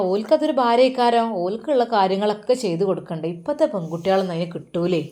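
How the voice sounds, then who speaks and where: A woman's voice: mid-range voice, a little mellow, lightly acted. Brief: woman playing a chatty gossiping aunt, blunt and fake-sad. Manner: blunt, chatty, feigned sympathy. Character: gossiping middle-aged woman relative, blunt and falsely sympathetic.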